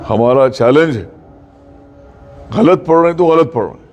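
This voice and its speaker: A man teaching a mosque class on Quran recitation. He explains the rules patiently, checks that students follow, and recites verses slowly as examples. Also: fairly high pitch, expressive, darkish tone, soft background music. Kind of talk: classroom lesson.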